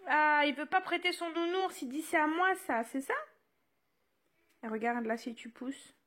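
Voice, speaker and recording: With an animated, fairly bright, high voice at a moderate pace, a young mom vlogs casually from her child's bedroom, holding her phone as she films. She chats with lots of fillers and turns sing-song when talking to her little ones.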